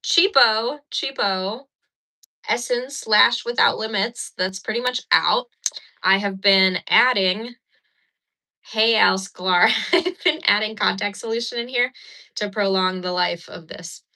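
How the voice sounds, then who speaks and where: Speaking slowly in a mid-range voice that sounds pushed and bright, a woman from Ukraine livestreams from a mirror indoors, laughing and chatting with viewers over her makeup. It's recorded on a phone, and the audio is rough.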